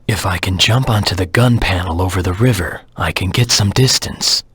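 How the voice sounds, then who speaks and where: A man voicing a brooding, grimly determined hedgehog antihero in a video game, terse and grave, with a gravelly, husky voice. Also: low voice, moderate pace, dry recording, studio quality. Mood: grim, focused. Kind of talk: dramatic video game voice acting, scripted monologue.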